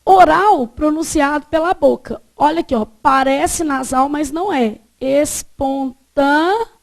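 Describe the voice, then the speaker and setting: A woman's voice: sits high, normal speed. A woman teaching a grammar lesson, asking the class questions and answering them herself.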